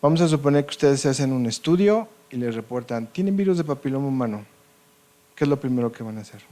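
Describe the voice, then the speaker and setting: Mexican guy doctor giving a talk, mid pitch, mellow dark voice, keeps saying ok? and sí o no?. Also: lively intonation, fast. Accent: Mexican Spanish. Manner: conversational, checks in with frequent "ok?" and "¿sí o no?". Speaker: doctor lecturing on colposcopy. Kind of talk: medical lecture to an audience.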